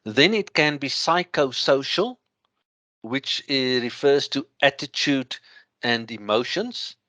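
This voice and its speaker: A man with a thick Afrikaans accent lecturing through slides, explaining in a halting way with everyday examples. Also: medium pitch, expressive, sharp tone, no room sound.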